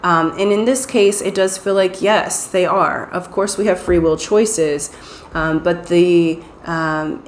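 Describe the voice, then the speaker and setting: A woman giving a gentle, unhurried pick-a-card tarot reading, pausing often with soft fillers. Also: on the low side, a little hiss or hum. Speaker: tarot reader.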